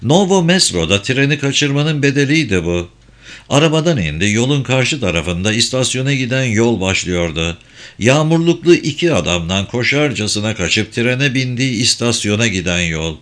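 A man narrating a thriller audiobook in a steady, measured reading voice. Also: mid-range voice.

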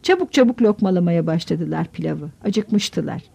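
A woman narrating a novel in measured storytelling, giving the characters voices. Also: lowish voice, expressive, creaky, dark tone, husky. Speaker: audiobook narrator. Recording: dull lo-fi audiobook recording.

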